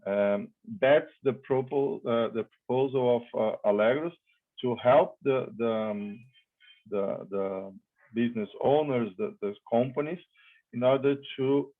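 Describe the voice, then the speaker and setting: Man, slow halting english, many fillers, tinny call audio. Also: mid-range voice. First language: Portuguese. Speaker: business founder presenting his company. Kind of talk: online panel talk. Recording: phone-like video call audio.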